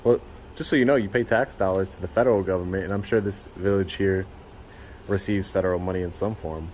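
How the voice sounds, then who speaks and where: A man's voice: low-pitched, steady tone, fast talker, a little mellow, slight background noise. A talkative man recording public officials, making his case in casual, insistent conversation and often repeating himself. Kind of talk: casual confrontational chat.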